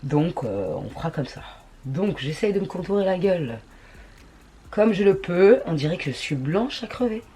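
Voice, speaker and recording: A woman's voice: lowish voice, sing-song, normal speed, mellow, a little hiss or hum. A woman chatting casually at home while testing makeup, full of crude slang and self-mocking jokes. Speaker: beauty vlogger. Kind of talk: casual makeup tutorial chat.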